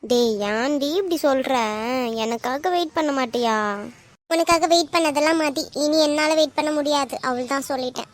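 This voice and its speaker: In this cartoon voice-acting clip, a woman plays a young college girl with a Tamil Nadu accent, her voice high-pitched, natural and at a moderate pace. She bickers with her friend in a teasing, sulky back-and-forth.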